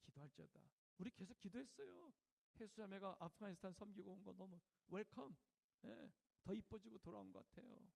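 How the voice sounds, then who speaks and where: High-voiced man preaching a lively sermon. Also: creaky, breathy edge, big-room sound. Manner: animated preaching, acting out prayers with raised voice and slowing down; asks the congregation questions and has them repeat after him. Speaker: pastor.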